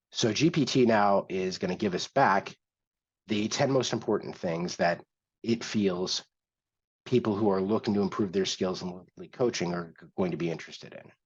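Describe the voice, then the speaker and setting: A man with a deep, breathy-edged voice hosts an instructional screen-share workshop. He walks through each step conversationally, restarting now and then. The recording sounds dull and lo-fi.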